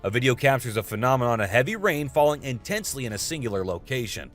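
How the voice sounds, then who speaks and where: Man, scripted nature documentary narration, animated intonation, background music. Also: mid-range voice, fast. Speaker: narrator of a video compilation. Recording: music behind the voice.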